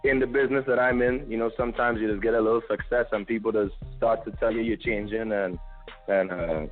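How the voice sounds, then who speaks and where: A man's voice: on the low side, fairly even intonation. A man guesting on a call-in talk show, joking and laid-back, speaking over the phone with a Brooklyn accent. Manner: laid-back, joking, talks fast with restarts. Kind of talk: casual chat on a call-in show. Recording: tinny phone line with faint music behind.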